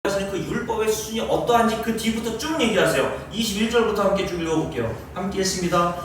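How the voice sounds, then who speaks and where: High-voiced pastor in an echoey hall. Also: male voice, fast talker, slight background noise. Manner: lively, teasing the congregation with questions. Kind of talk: sermon. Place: large church hall. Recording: very echoey hall, mic far off.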